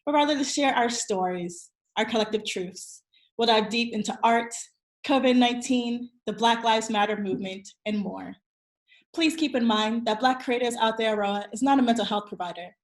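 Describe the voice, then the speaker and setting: An American woman in her twenties from Virginia, hosting an interview with earnest, upbeat introductions and questions. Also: a little high. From Virginia, USA. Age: 20s. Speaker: host. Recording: roomy echo.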